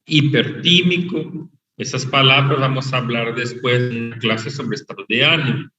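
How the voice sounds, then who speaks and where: A man lecturing a medical class, explaining terms slowly and repeating the key words. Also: medium pitch, pushed and bright, soft background music. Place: online class. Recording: echoey, dull, far from the mic over an unstable online connection.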